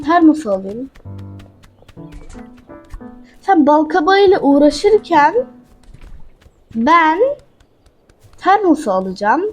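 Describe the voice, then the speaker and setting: A woman's voice: sits high, darkish tone. A woman hosting a gaming channel, chatting casually to her viewers as she plays and talking back to a character in the game. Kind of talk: casual let's-play commentary.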